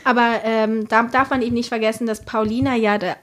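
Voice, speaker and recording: Thoughtful woman painter, slightly high voice. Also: steady tone, brisk, fairly bright tone. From Chile. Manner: reflective, many fillers and trailing "ne?". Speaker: painter, muralist guest. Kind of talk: casual interview conversation.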